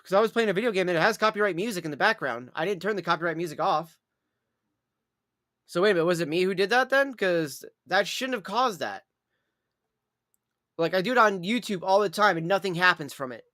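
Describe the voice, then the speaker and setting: A man's voice: high-pitched, expressive, brisk, bright, forceful tone, dry recording, studio quality. A man chatting casually on a livestream in a rambling, repetitive way, with some swearing. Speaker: live streamer.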